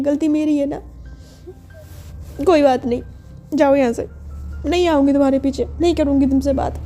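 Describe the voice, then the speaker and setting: A woman's voice: sits high, dark tone, pitched above the performer's own voice, close to an everyday voice. Woman voicing a hurt, tearful college girl. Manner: pleading, sobbing reproach.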